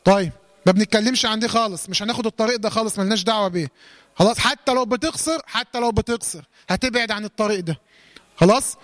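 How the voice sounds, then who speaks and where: A man with an Egyptian Arabic accent teaching a Quran recitation lesson in colloquial speech. He keeps asking questions and answering them himself, and he recites the examples slowly. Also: sits high, a bit bright, dry recording.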